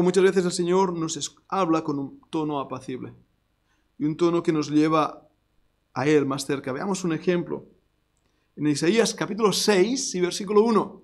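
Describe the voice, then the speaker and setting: A man preaching a sermon with an accent from Spain, animated and emphatic, breaking into loud declarations and joking asides to his congregation. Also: a little high. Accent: Spain Spanish. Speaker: pastor. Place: church service before a congregation.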